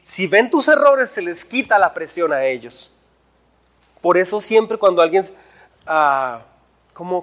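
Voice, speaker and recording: A male pastor with a notably high-pitched voice. He preaches in an animated way, firing rhetorical questions at the congregation and acting out little dialogues. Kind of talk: sermon.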